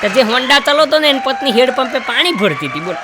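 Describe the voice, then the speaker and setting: A man's voice: extremely high pitch, quick pace, a loud crowd, very noisy. A man telling stand-up jokes on stage and acting out each character's lines. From Gujarat, India. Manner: animated storyteller who acts out each character's lines. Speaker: stand-up comedian. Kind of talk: Gujarati stand-up joke telling. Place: stage in front of a live audience.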